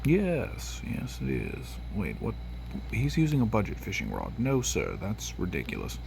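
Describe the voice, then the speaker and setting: Lowish and gravelly, a little mellow, with huge swings in pitch and a measured pace, this man's voice carries a faint hiss or hum. The Tennessee-accented gaming host offers loose, rambling commentary packed with fillers and restarts, his allergies leaving him sniffly.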